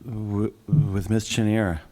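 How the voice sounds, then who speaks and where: A man's voice: fairly low pitch, flat delivery, takes it slowly, background noise. A man acting as board secretary, reading out names for a roll-call vote and stammering over some of them. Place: school board meeting room.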